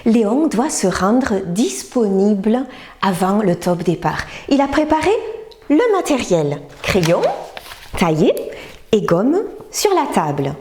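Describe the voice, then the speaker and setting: A woman teacher narrating a scripted lesson, speaking clearly and deliberately and breaking words into separate sounds. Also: mid-range voice, sing-song, mellow, reverberant. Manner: clear, deliberate, syllable-by-syllable demonstrations.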